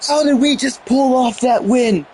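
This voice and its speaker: A young man giving excited commentary on a football video game he is playing, exclaiming and mildly swearing. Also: very high voice, measured pace, breathy edge. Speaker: gaming YouTuber.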